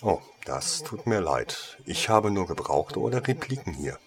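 A man voicing a female wand shop saleswoman who talks with eager, servile flattery in a storybook reading. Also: low-pitched, measured pace, gravelly, exaggerated voice.

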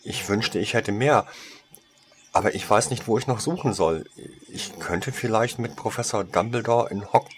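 A man voicing a female wand shop saleswoman who talks with eager, servile flattery in a storybook reading. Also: fairly low pitch, moderate pace, slight background noise, voice pushed up, close to an everyday voice.

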